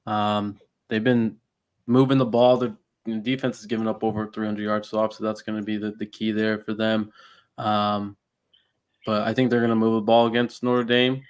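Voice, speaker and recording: A man's voice: fairly low pitch, level tone, smooth. A man on a sports podcast panel, making his pick with many fillers. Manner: halting, filler-heavy. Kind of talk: casual sports chat.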